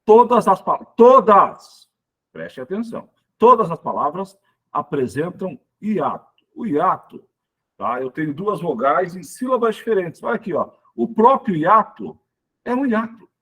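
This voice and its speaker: A man teaching an exam prep lesson, explaining step by step, loudly stressing each example word and checking in with his students. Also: high-pitched, sing-song, unhurried, husky. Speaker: Portuguese teacher.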